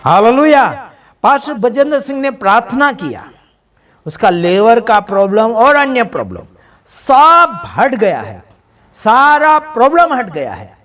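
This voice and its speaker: A man's voice: extremely high pitch, sing-song, measured pace, fairly bright tone. A man giving emphatic, preaching-style commentary over video clips, repeating phrases for stress. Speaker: video commentator for a healing ministry.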